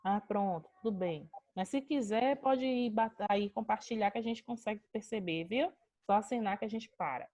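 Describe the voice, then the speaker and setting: A woman's voice: medium pitch, moderate pace, dark tone. A woman from Brazil teaching an online grammar class over a video call, explaining step by step and asking and answering her own questions.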